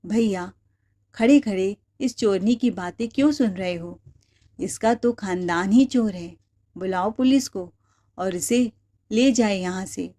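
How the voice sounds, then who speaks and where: A woman's voice: mid-range voice, measured pace, mellow, lightly acted. A woman voicing a spiteful young sister-in-law who goads her brother, in a sneering, goading manner.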